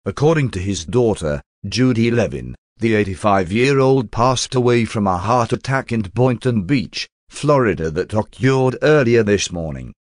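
A man reading scripted news narration in a measured, formal manner. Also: on the low side, expressive, no echo, clean studio sound.

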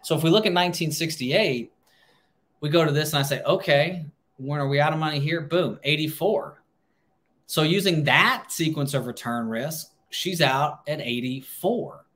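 Hosting a livestream, a thirties-aged American financial planner talks to camera in an informal, emphatic way, doubling up words to stress them. He speaks at a moderate pace in a fairly high, slightly bright voice.

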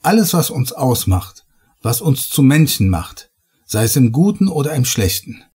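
Obsessive archaeologist, fervent and worshipful, raspy dark voice done by a male reader for a horror audiobook. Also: fairly low pitch, fairly even intonation, normal speed. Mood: rapturous.

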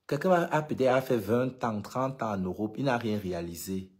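Talking to followers in a laid-back vlog monologue, an LGBT activist from Cameroon uses a mid-range voice at a moderate pace, dark in tone. The Cameroonian French accent comes through, and the delivery is emphatic, with repetition to stress points.

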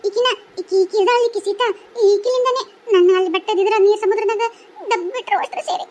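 A woman voicing a grieving young ghost wife in a cartoon, pleading and wailing in a North Karnataka Kannada accent. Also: a little mellow. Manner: very high, fast, pleading and wailing. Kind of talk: cartoon voice acting.

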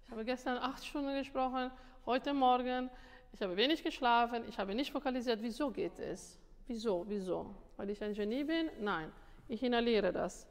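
Woman vocal coach, fairly high voice, animated and repetitive, tired, long reverb of a school room. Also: moderate pace. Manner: animated, repeats words, mixes in English. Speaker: singing teacher. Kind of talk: masterclass coaching.

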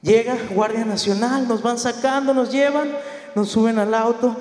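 Young man, northern Mexican accent, very high voice, story told from the pulpit, echoey hall. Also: normal speed. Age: young adult. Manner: animated, acts out quoted voices. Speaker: pastor giving a talk. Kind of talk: storytelling talk.

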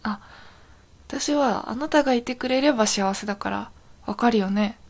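A woman acts out a young girlfriend in an intimate audio role-play, with a fairly high voice. She is softly clingy and devoted, with a sweetness that feels eerily obsessive and possessive. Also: normal speed, natural voice. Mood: sweet, possessive.

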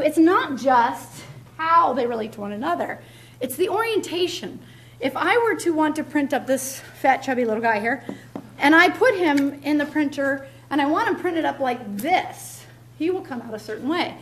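A middle-aged woman giving a keynote lecture at a podium in a large lecture hall, emphatic, repeating key words, with frequent ums. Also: high-pitched. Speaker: keynote speaker. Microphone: podium mic, filmed from far back.

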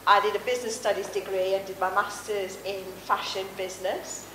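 A woman's voice: medium pitch, steady tone, fairly quick, background noise. A woman, giving an earnest, passionate conference talk into a handheld mic on a stage. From Sri Lanka. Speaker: conference paper presenter. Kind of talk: conference presentation.

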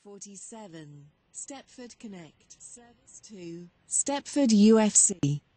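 A woman voicing a slow automated station announcer. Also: medium pitch, animated, warm tone, no room sound. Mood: formal. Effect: train station platform announcement. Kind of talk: automated public address announcement.

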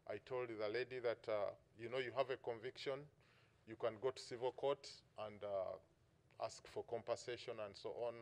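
Speaking measuredly on a symposium panel, a middle-aged Ugandan-accented man who directs prosecutions shares a story from his office, often restarting and saying "uh." His voice is medium-pitched, steady, and a little mellow.

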